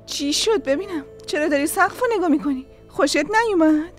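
A woman's voice: high voice, animated, soft background music. An actress dubbing a sarcastic, bossy woman who mocks and orders around her sister-in-law in a TV drama. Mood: mocking. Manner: sarcastic and bossy, hurrying others along. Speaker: dub actress. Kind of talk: Persian-dubbed TV drama acting.

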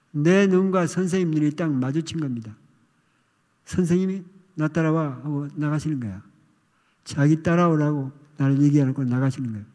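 An older male pastor giving a sermon testimony, telling a childhood story with animated, acted outcries. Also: fairly high pitch. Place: church sanctuary. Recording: long reverb of a church hall.

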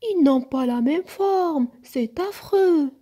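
A woman's voice: fairly high pitch, lively intonation, slow, mellow. A woman voicing a fussy, grumpy little boy who grumbles and insists in a storybook.

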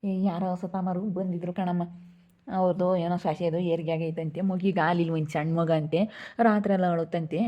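A woman's voice: on the low side, flat delivery, normal speed, highs cut off, lightly acted. A woman playing a patient village father who explains things plainly and repeats himself, with a rural Hiriyur accent. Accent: Hiriyur rural Kannada.

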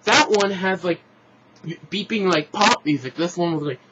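A man's voice: high voice, moderate pace, highs cut off, heavy background noise. A man rambling frankly through a casual vlog review, restarting and correcting himself as he goes. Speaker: show reviewer. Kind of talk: casual opinionated vlog commentary.

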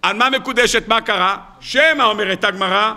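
A rabbi delivering a weekly sermon, talking in a high, bright voice. He tells it as a story and slips in jokes along the way. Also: vocal fry. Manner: storytelling, humorous asides.

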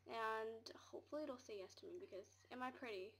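Young woman, slightly high voice, mumbly and giggly, rambling game-tour vlogger in a small room. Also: fast, a bit bright, husky. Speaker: gamer giving a tour of her game home. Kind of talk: casual screen-recorded game tour.

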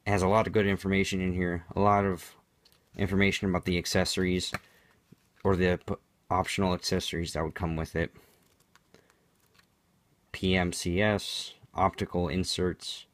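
A man with a low voice talks through a product demonstration in a matter-of-fact, explanatory way. The sound is dry and close, with little room to it. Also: little pitch movement, normal speed, long pauses, no echo. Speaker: product reviewer. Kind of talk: unscripted product demonstration commentary.

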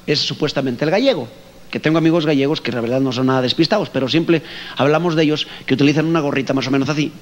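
A man's voice: on the high side, lo-fi sound, a little hiss or hum. A middle-aged man with a Mexican accent doing a chatty, teasing stand-up comedy routine on a stage before a live audience.

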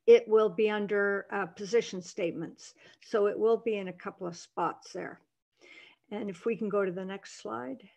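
Woman webinar moderator, unhurried and hesitant, mid pitch, computer mic. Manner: slow, halting, many fillers. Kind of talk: hosting a Q and A webinar.

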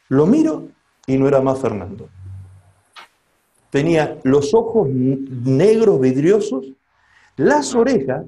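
A male pastor preaches at a seminar, telling a personal story. His voice sits a little high for a man, with a mellow, dark tone. He swings his pitch widely and stops to ask the audience questions. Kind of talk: sermon testimony at a seminar.

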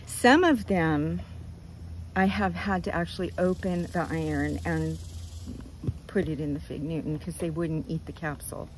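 An older woman chatting casually outdoors on her farm, talking gently and rambling as she loses her train of thought. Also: sits low, unhurried, a little hiss or hum, poor audio. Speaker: goat rancher. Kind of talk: casual farm vlog chat.

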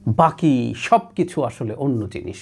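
A man's voice: mid-range voice, animated, measured pace, gravelly, breathy edge. A man from Bangladesh hosting his own show, giving an analytical commentary monologue on politics with an emphatic manner that often slips English phrases in.

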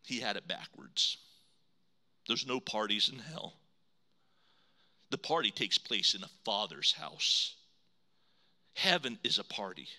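A man preaching a sermon as pastor, dramatic, swinging between loud emphasis and hushed low lines. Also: big pitch swings, takes it slowly, long pauses.

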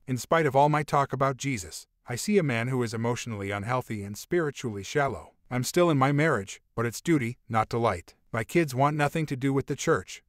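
A man reading a first-person book aloud in a steady, measured way, with conversational asides. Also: medium pitch, no echo, clean studio sound. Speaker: audiobook narrator. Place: voice-over.

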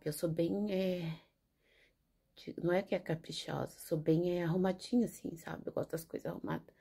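A woman's voice: mid-range voice, dark tone. A middle-aged woman talking straight to her viewers in a casual home vlog, emotional and tearful. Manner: chatty, talks straight to viewers. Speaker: vlogger.

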